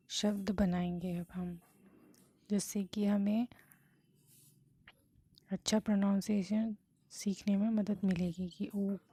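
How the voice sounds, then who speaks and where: Woman teacher, very slow and deliberate, sounds out each word for learners. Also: medium pitch, mellow. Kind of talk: slow Hindi vowel-sign lesson.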